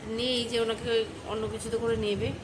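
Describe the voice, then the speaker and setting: A woman's voice: little pitch movement, normal speed. A young woman, talking through a casual home vlog while feverish and worn out, in a tired, subdued way. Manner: tired, low-key and subdued. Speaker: vlogger. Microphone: phone camera. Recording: noisy home phone recording.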